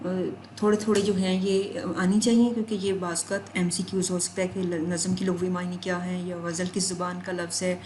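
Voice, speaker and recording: A young woman teaching a lesson to students, patiently explaining step by step and spelling out words slowly. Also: on the low side, level tone, darkish tone. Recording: echoey room, faint background noise.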